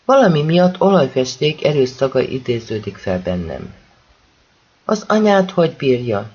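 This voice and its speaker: A man reading a novel aloud as an expressive first-person narration. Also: medium pitch, slightly rough, dull audio. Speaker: audiobook reader.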